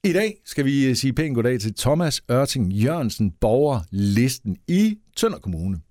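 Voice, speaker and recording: A man's voice: mid-range voice, sing-song, dark tone, no room sound, clean studio sound. A man hosting a podcast interview, friendly and full of fillers as he asks questions. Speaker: podcast host.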